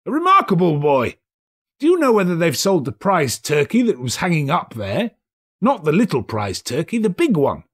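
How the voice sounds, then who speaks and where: A man acts out a giddy old miser bursting with joy in a storybook tale. The pitch is pushed high and swings wildly, with a husky edge. The delivery is excitable, breathless and exclamatory. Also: moderate pace, heavily acted. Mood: delighted. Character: jubilant reformed old miser Scrooge, giddy and overjoyed.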